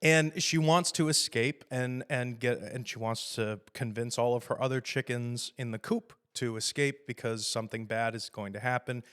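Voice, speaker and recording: A man hosting a casual podcast about film, talking with loose, rambling energy. He swears freely, gets animated and laughs along with his own stories. His voice sits in an ordinary middle pitch. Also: moderate pace, few pauses, clean tone. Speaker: podcast host.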